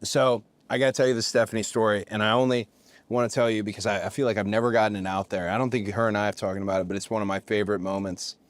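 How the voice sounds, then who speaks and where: A man hosting a casual interview chat, earnest and halting. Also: lowish voice, little pitch movement, no echo. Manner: earnest, stumbling restarts, gets emotional. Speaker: host.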